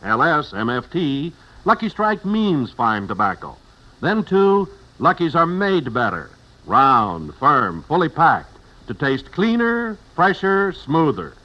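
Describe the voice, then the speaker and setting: A man's voice: on the high side, wildly swooping pitch, takes it slowly. An American man working as a radio announcer, reading old-time advertising copy in an emphatic, polished way. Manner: emphatic, polished sales delivery. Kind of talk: 1950s radio advertising read. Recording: dull old radio broadcast.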